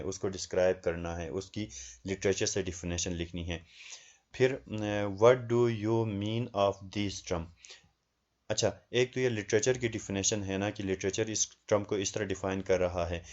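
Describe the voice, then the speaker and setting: A man with a Pakistani Urdu accent and a low, darkish voice teaches a lesson, explaining a research assignment step by step. He goes slowly with many hesitations and reads questions aloud in English. The recording sounds muffled.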